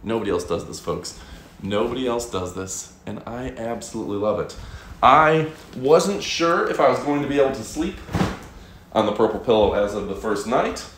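Brief: man in his 30s, enthusiastic live product reviewer, mid-pitched, roomy studio sound with faint hiss. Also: animated, moderate pace, fairly bright tone. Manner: upbeat salesy pitch, addresses viewers as folks. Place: home studio room. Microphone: fixed camera, moves around the room. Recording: roomy home studio echo, faint noise.

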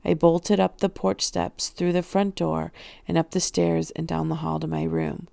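A woman reading a novel aloud in first-person narration, with a steady, even delivery. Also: deep voice, normal speed, vocal fry, no echo, studio quality. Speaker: audiobook reader.

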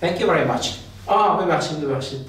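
A man teaching English, explaining in Persian and slowly repeating English phrases for students to copy. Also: on the high side, a bit bright. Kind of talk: language lesson, explaining and drilling phrases. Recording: very echoey room, voice from a distance.

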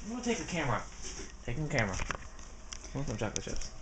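A man's voice: mid-range voice, very animated, quick pace. Young guy teasing his friend in the kitchen, voice bouncing all over, noisy camcorder sound. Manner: teasing, bickering banter. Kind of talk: casual home-video chat. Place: home kitchen. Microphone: handheld camcorder. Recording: noisy home camcorder audio.

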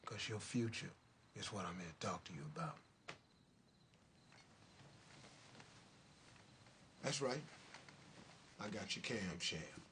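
A man's voice: lowish voice, animated, normal speed, noisy background. A middle-aged actor with an American accent playing a proud, plain-spoken father in a film drama. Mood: firm, encouraging. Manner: plain-spoken, heartfelt, colloquial. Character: earnest, proud father counseling his teenage son. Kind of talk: naturalistic film drama acting.

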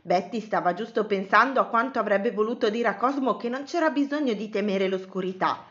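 A woman narrating and dramatizing a children's picture story with an animated, expressive delivery. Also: medium pitch, brisk, lo-fi sound.

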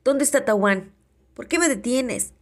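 A woman's voice: a little high, expressive, a little slow. A woman reading a storybook voicing an upset young man who sounds annoyed and choked. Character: young man, worried older brother, upset.

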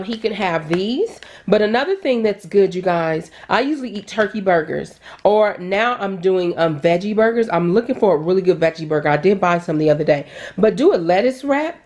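A middle-aged woman vlogging casually, chatting excitedly to her viewers about her groceries. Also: medium pitch. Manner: chatty, excited, addresses viewers as "you guys". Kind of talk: casual shopping vlog and haul. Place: store aisles, then at home.

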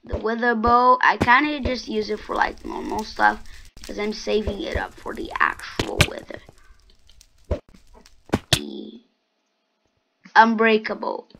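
A woman's voice: mid-range voice, big pitch swings, slow pace, vocal fry, long pauses, noisy background. A woman hosting a gaming channel, giving casual gameplay commentary with sarcastic, grumbling asides.

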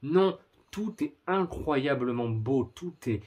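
A man's voice: medium pitch, expressive, takes it slowly, a little mellow, breathy edge. A man giving a casual video review of manga, gushing with superlatives and adding apologetic asides.

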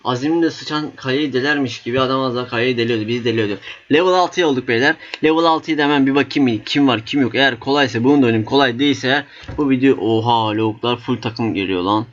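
Excitable young man commentating a battle game. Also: medium pitch, quick pace, few pauses. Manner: excitable, swears casually, cheers on units. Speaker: gaming YouTuber. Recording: slightly dull lo-fi mic.

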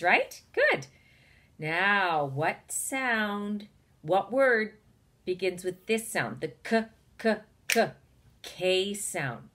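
Woman teacher, phonics lesson for young children; slow, deliberate, encouraging delivery. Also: lowish voice, fairly bright tone. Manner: slow, carefully enunciated, encouraging.

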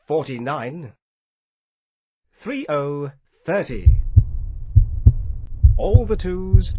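Slow, deliberate male bingo caller. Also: fairly high pitch, dull audio, very noisy. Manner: clipped, formulaic announcing in short separate phrases. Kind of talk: measured scripted bingo number calling.

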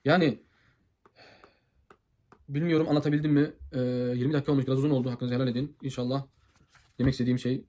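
A man teaching how to pronounce letters for recitation, repeating syllables slowly and calling his listeners brothers. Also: mid-range voice, little pitch movement, a little mellow. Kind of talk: informal lesson on letter pronunciation.

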